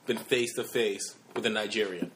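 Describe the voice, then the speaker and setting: A man's voice: fairly low pitch, moderate pace, fairly bright tone, slight background noise. A young man co-hosting a casual podcast chat, brash and crude with blunt opinions. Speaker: podcast co-host.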